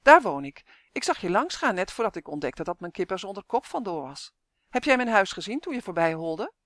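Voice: medium pitch, big pitch swings, fairly quick, fairly bright tone, no room sound, studio quality. A storybook narrator voicing a small, bossy, chatty dwarf girl who talks eagerly and insistently.

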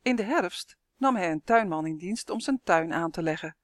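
A woman reading her own children's fairy tale aloud, with clear, lively storytelling and voiced characters. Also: lowish voice, moderate pace, dry recording, clean studio sound.

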